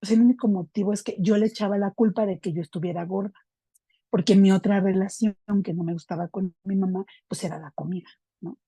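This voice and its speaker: A woman's voice: medium pitch, fairly even intonation, fairly quick, dark tone, slightly rough, no echo, poor audio. A middle-aged Mexican woman candidly sharing a personal testimony at a recovery group, storytelling in a conversational way with frequent fillers.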